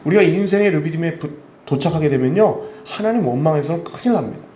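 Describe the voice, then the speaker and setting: A man's voice: fairly high pitch, animated, fast. Impassioned male missionary preaching in an echoey church. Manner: impassioned, swings between loud appeals and hushed storytelling. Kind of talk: emotional sermon. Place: church sanctuary. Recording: echoey church hall with faint ambient noise.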